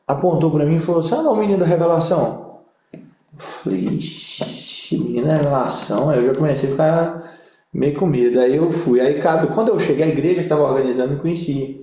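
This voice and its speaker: A young Brazilian man, a pastor, telling funny stories in a casual interview and acting out the voices of the people in them. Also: a little high. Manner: animated comic storyteller, acts out quoted voices. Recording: echoey room.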